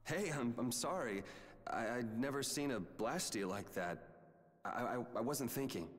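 A man's voice: medium pitch, lively intonation, a little slow, in a large hall. An actor playing an apologetic young male game hero who stammers.

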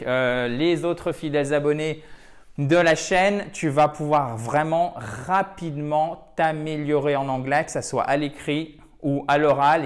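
A man teaching English, correcting a viewer's email and drilling word stress out loud. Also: a little high. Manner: thinks aloud, repeats English words slowly to drill stress.

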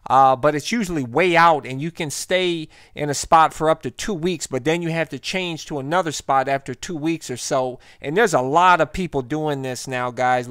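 A man's voice: a little high, fairly bright tone, smooth, dry recording, clean studio sound. An American man vlogging casually and bluntly, talking straight to viewers in informal language. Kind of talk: casual vlog monologue.

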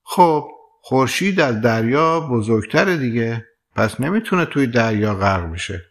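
An earnest young foreign man, tender and a little jealous, with a plaintive way of asking things, as a male reader puts him on. The storybook voice sits at an ordinary male pitch. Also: expressive, natural voice.

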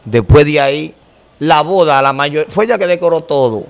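A man's voice: fairly high pitch, expressive, moderate pace, gravelly. A middle-aged man telling a personal religious testimony in an earnest storytelling way, acting out what others said to him. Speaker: guest telling his testimony. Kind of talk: emotional spoken testimony.

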